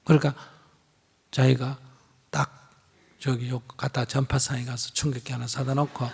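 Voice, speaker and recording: A man's voice: mid-range voice, little pitch movement, moderate pace, creaky, breathy edge. A man with a Gyeongsang accent, a Buddhist monk answering questions in a live teaching, blunt and emphatic, acting out bits of dialogue. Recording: hall reverb.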